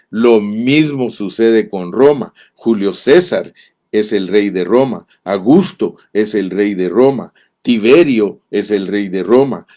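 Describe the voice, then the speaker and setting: A man's voice: lowish voice, darkish tone. A man teaching from the Bible as a pastor, reading verses aloud with emphasis and addressing his listeners directly. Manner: slow, deliberate, reads verses aloud emphatically.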